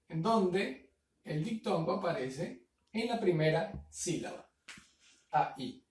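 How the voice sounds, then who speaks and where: A male teacher calmly working through a grammar exercise for primary pupils, stretching out example words syllable by syllable and often checking in with "¿verdad?". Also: high voice, far from the mic. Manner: slow, syllable-by-syllable word spelling with frequent "¿verdad?". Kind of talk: recorded grammar lesson. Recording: echoey room, voice off-mic.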